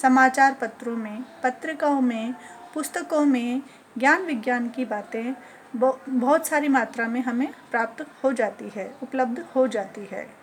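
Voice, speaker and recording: A female teacher educator lectures on teaching methods, going through her points one at a time in a measured manner. Her voice is high-pitched, and the recording carries a little hiss or hum.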